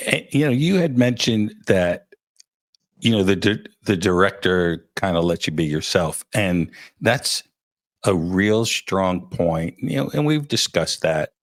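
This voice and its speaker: A man's voice: sits low, lively intonation, a little slow, no echo, clean studio sound. A man hosting a casual interview, chatty and joking as he thinks aloud. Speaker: interview host.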